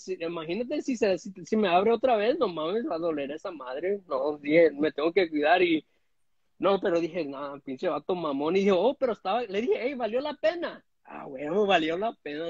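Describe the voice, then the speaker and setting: A man tells crude stories from home, stumbling through restarts. His voice sits high and sounds husky. The phone audio is dull and dry. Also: expressive, normal speed, no room sound. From United States. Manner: crude, rambling, many restarts. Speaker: guest caller on a live stream. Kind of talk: casual chat. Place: indoor room at home. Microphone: phone front camera at arm's length.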